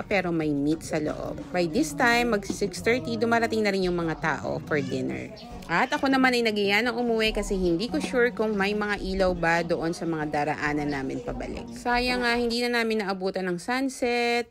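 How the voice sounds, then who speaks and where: A woman from the Philippines narrating a travel vlog in a cheerful, chatty way. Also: fairly low pitch. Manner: cheerful, chatty Taglish storytelling. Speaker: vlogger.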